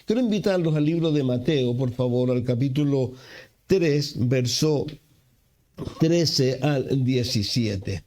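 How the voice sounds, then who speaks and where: A man from Chile preaching a sermon as pastor, unhurried, with fillers and self-corrections. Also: mid-range voice, expressive, dark tone. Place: church.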